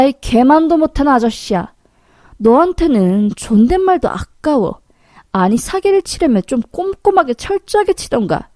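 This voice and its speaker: A woman's voice: sits high, warm tone, dry recording, clean studio sound. A woman voicing a fierce, blunt young daughter-in-law who scolds sharply.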